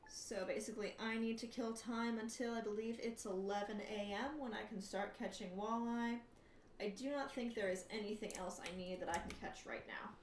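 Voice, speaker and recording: A woman's voice: on the high side, fairly even intonation, moderate pace, recorded from a distance. A woman livestreaming a game, thinking aloud and chatting to viewers with dry, wry humor. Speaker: livestreamer hosting a charity gaming stream. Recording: roomy echo, off-mic, faint background noise.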